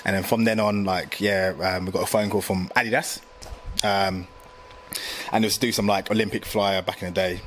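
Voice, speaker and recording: A man, telling stories in a slangy, animated casual chat full of fillers. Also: low voice, fairly quick, slight background noise. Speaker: graphic designer guest.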